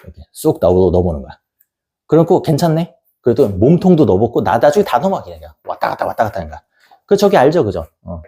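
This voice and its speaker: Brief: male tutor-lecturer, blunt and colloquial, rapid delivery, wildly swinging pitch, dark husky tone. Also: very animated. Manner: blunt, colloquial, acts out scenes, swears freely. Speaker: education YouTuber and tutor. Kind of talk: blunt casual parenting lecture.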